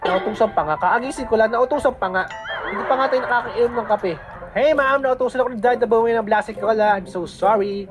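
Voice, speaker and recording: She talks fast in a slightly high voice, playfully narrating her gameplay for her channel in a Filipino accent and a blend of Tagalog and English. Game music runs underneath a rough-sounding recording.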